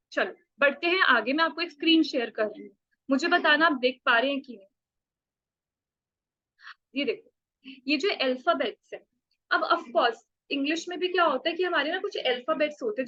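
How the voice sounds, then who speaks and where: A woman's voice: sits high, bright, forceful tone, muffled recording. A woman teaching a beginners' Spanish class online, stretching out letter sounds and checking often that students follow. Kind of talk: online language lesson.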